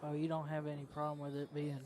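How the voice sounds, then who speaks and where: A man's voice: on the high side, completely flat delivery, quick pace, a little mellow. A man giving casual, folksy co-commentary on a pool match. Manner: folksy, colloquial. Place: indoor pool hall. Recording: busy pool hall crowd behind.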